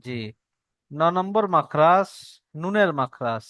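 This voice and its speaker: Bengali-accented male teacher, slow careful repetition, raised pitch, bright and smooth. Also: expressive, dry recording, dull audio. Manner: patient, repeats each point slowly for the student. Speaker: Quran recitation teacher. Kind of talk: online tajweed lesson.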